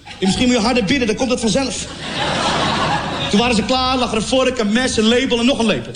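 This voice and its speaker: High-voiced male comedian in an echoey venue. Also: fast. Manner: animated, acts out scenes with sound effects. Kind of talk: stand-up comedy storytelling. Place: stage in a venue before a laughing audience. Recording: echoey venue with crowd noise. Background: audience laughter.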